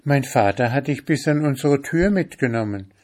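An indignant young girl from a storybook, as a man reads her part, her voice pushed high and loud. She scolds in a raised, exasperated tone yet stays kind-hearted. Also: lively intonation, normal speed, lightly acted. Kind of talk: storybook reading.

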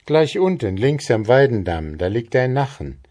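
A man voicing a gentle, teasing female rain spirit in a fairy-tale reading. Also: medium pitch, big pitch swings, moderate pace, pitched above the performer's own voice, natural voice. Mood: kindly.

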